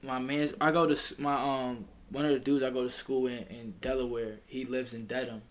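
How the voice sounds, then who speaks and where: A man's voice: medium pitch, little pitch movement, brisk. A young man chatting as a podcast guest, laid-back and full of slang. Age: young adult. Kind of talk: casual chat.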